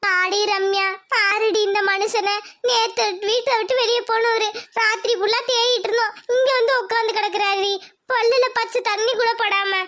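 Someone voicing a shrill coaxing cartoon wife. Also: fairly even intonation, moderate pace, pushed and bright. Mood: exasperated. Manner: coaxing, scolding. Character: worried village wife and mother.

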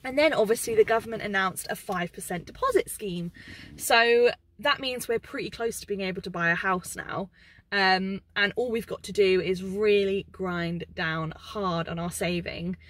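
A woman's voice: mid-range voice, moderate pace, a bit bright. A young woman giving a casual, open life update from inside her parked car, filmed close up and talking with lots of fillers. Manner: chatty, open, lots of "um" and "like", hands moving. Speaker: vlogger. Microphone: camera facing her at close range.

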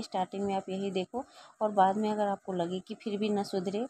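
A woman's voice: mid-range voice, dark tone, husky, no echo. A woman in her thirties, a mother talking casually to her viewers in a chatty, repetitive way while cooking in her home kitchen. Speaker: vlogger and mother.

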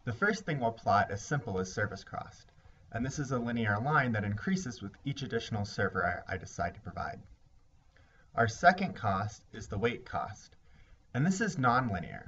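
A man teaching a recorded lesson, explaining ideas step by step in a measured way. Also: medium pitch, sing-song, fairly bright tone. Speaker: instructor. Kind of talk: recorded lecture. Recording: slightly dull lo-fi recording with faint hiss.

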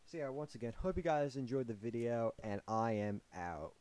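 A man's voice: medium pitch, lively intonation, normal speed, a little mellow. A young man rambling through a storytime vlog, with many fillers and restarts. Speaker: vlogger.

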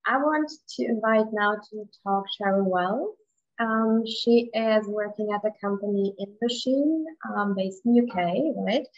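A woman presenting software in an online webinar, hesitant, with frequent ums and rhetorical "right?" checks. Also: medium pitch, unhurried. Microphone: video call. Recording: lo-fi video call audio.

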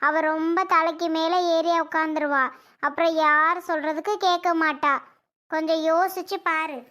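A woman's voice: very high-pitched, little pitch movement, normal speed, bright, forceful tone. A woman playing a stubborn middle-aged mother who scolds her grown daughter and argues with the family in a drama skit. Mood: defensive. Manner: scolding, argumentative.

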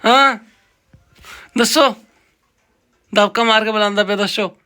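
A woman's voice: mid-range voice, measured pace, sharp tone. A woman with a Punjabi accent hosting a casual family vlog, playfully teasing and chatting. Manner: playful teasing, repeats words in baby talk. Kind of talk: casual chat to camera and family.

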